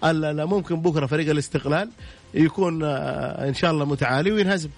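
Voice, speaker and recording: A man's voice: a little high, racing. A man talking as a football pundit on a radio sports show, insisting on his points and repeating them. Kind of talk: casual radio sports talk.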